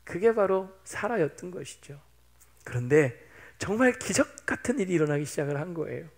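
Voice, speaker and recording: A man's voice: sits high, expressive, a little fast, gravelly. A man in his fifties, a pastor preaching a sermon in a chatty, playful way, teasing the congregation. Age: 50s.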